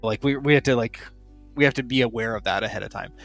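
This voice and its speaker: Brief: young male host, loose rambling delivery, music bed low. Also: fast talker, fairly bright tone. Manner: rambling, lots of filler "like". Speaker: game master and host. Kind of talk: casual behind-the-scenes chat.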